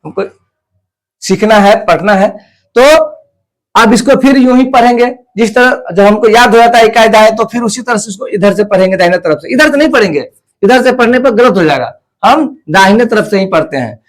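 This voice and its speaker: A man teaching a math lesson, slowly counting off place values step by step and repeating himself. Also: high-pitched.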